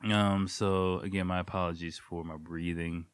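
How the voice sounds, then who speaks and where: A man with a deep, smooth voice and flat delivery chats at a moderate pace on his own podcast, congested from a cold. Recorded dry at home late at night, his talk is loose and rambling, full of ums and comic sound effects.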